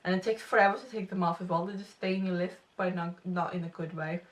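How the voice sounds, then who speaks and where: A woman's voice: fairly low pitch, steady tone, quick pace, distant mic. A woman in her twenties with a slight lisp, reviewing makeup in a chatty, self-deprecating way. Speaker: beauty vlogger. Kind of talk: casual product review.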